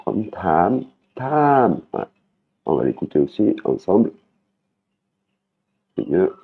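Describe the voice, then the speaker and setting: Deep, slow-spoken man teaching a language. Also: sing-song, creaky, husky, narrow, tinny audio. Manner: patient, repeats words and sings the tones.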